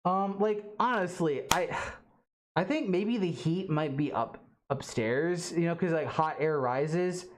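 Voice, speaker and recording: Rambling, halting livestream host from Alabama. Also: mid-range voice. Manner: halting and rambling, many fillers and restarts. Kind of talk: casual livestream chat. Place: home studio.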